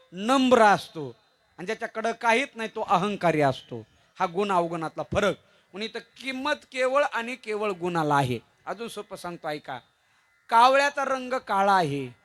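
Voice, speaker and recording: A man with a Marathi accent preaching a devotional kirtan sermon, mixing jokes and stories with slowly chanted verses. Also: very high voice, pushed and bright.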